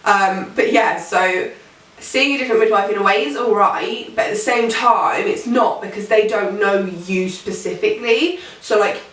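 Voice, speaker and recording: Recorded from a distance in an echoey room, a young pregnant woman in her late teens vlogs to camera at a moderate pace in a bit bright, mid-range voice. Chatty and rambling, she leans heavily on fillers like "um" and "like".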